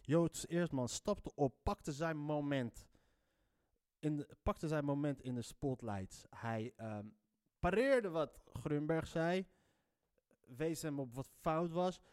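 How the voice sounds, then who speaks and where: A man with a slightly raised pitch delivers a fired-up podcast monologue. He pushes his points hard, stumbles and restarts as his words rush out, and lifts his voice sharply when he stresses something. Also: lively intonation, slow pace, darkish tone, clean tone. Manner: heated, emphatic, stumbling restarts. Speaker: podcast host.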